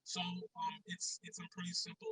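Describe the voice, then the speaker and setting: A man's voice: very high-pitched, huge pitch swings, normal speed, creaky, pushed and bright. Man with cave-like echo, distant. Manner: hesitant, with restarts and fillers. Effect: hollow cave-like echo, distant from the mic. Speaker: project team member on a live audio call. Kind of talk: casual call explanation.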